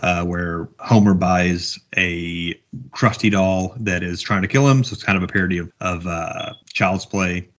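A man in his thirties with a fairly low voice, talking through a casual podcast chat. He rambles, fills gaps with "uh", and chuckles along the way. The recording is dull and lo-fi. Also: unhurried, a bit bright. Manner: rambling, chuckling, lots of fillers. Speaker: podcast co-host.

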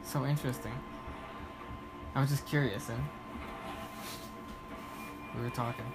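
A man's voice: mid-range voice, steady tone, unhurried, loud music behind the voice, low-quality recording. A man in casual chat who laughs often and asks about names and spells them out. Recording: clear background noise.

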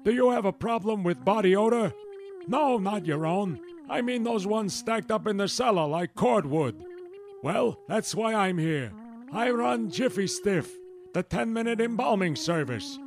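A man playing a chummy huckster in a comic radio commercial parody, giving deadpan salesman's patter about macabre services. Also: sits high, a little slow. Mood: chummy pitching. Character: Guido, chummy huckster pitching cut-rate embalming.

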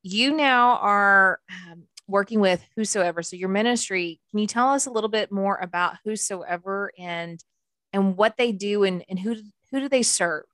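A woman hosting an interview, warmly affirming her guest with frequent soft agreement. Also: medium pitch, moderate pace, no room sound, studio quality. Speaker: host.

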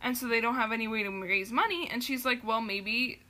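A woman's voice: a little high, animated, fast, sharp tone. A young adult woman hosting a podcast, casually recapping a show in a rambling, filler-heavy way and giggling often. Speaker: podcast host.

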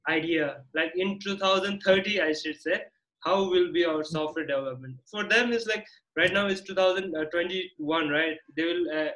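A man with a moderately high voice interviews casually. His questions ramble and halt, often checking in with small tag questions. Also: a bit bright, low-quality recording. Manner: halting, rambling questions with frequent "like" and "right?".

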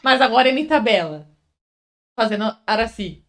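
A woman's voice: on the high side, lively intonation, normal speed, a bit bright. A Brazilian woman hosting a casual podcast, teasing her co-host with dramatic exclamations. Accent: Brazilian Portuguese.

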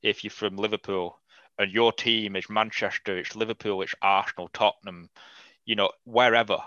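A man talking football in a casual podcast chat, blunt and animated, swearing freely. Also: on the low side, moderate pace, no room sound. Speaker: podcast guest. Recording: slightly dull, lo-fi mic.

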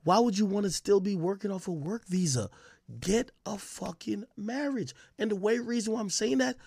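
A man from Jamaica runs an unscripted reaction podcast, delivering casual streamer-style commentary that's brash, profane, slangy and forceful. His high voice is gravelly and slightly rough yet a little mellow, moving at a moderate pace. The studio sound is clean, without echo.

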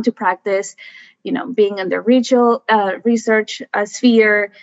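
A woman, a guest telling her story in lively, chatty talk full of fillers. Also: medium pitch, dry recording, dull audio. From Mexico. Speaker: guest, environmental scientist. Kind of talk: casual conversation.

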